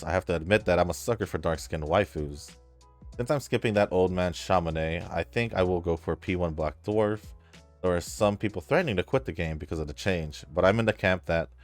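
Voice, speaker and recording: A gaming YouTuber reads viewer comments out loud and reacts in a laid-back, hesitant manner, his sentences trailing off into fillers. He has a low voice, and faint music plays in the background.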